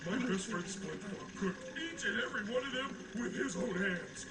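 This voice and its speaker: An actor voicing a dim-witted, good-natured starfish oaf in a cartoon game, guileless and dopey. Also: male voice, high voice, expressive, normal speed. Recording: roomy distant game audio, loud music.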